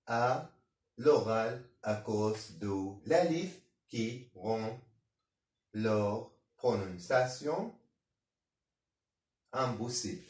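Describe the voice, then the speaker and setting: A man's voice: lowish voice, a little mellow. A man teaching a grammar lesson, switching between two languages and repeating words over and over as drills. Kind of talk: bilingual Arabic-French grammar lesson. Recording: roomy sound from a distance.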